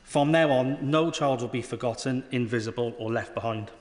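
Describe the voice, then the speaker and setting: A British man speaks in a large, reverberant debating chamber. He is a parliamentarian delivering a prepared speech, formal and earnest, at a medium pitch. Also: moderate pace. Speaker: member of parliament. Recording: reverberant hall sound.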